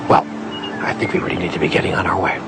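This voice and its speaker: A man's voice: sits low, flat delivery, very fast, loud music behind the voice. A man acting as a middle-aged or older grandfather, sceptical and baffled, with a wry questioning way, in a naturalistic film drama.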